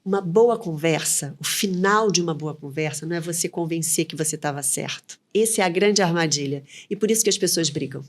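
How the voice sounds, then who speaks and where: This woman's voice sits low and moves briskly with few pauses. Interviewed on a conversational podcast, she's a communication mentor offering advice in short, firm phrases.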